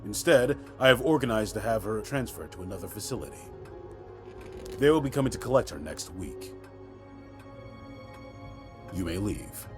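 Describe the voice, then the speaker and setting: A man's voice: on the low side, lively intonation, moderate pace, long pauses, darkish tone, soft background music, lightly acted. An actor playing a stern middle-aged director of a girls' home, formal and scolding, in a dramatic video game scene. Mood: cold, firm.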